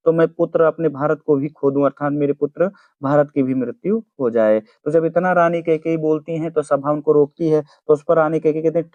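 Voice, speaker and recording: Hindi teacher dictating meanings, phone-like sound. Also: male voice, a little high, dry recording. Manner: slow, repeats each meaning for dictation. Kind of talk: explaining poem word by word. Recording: dry, phone-like narrow sound.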